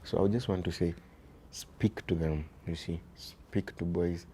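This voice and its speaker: A very deep-voiced Kenyan man, a father of boys, talks earnestly as a guest in a reflective interview about raising his sons. He often says "you see" and shifts into Swahili. His voice is warm, slightly rough, unhurried, and fairly even in intonation.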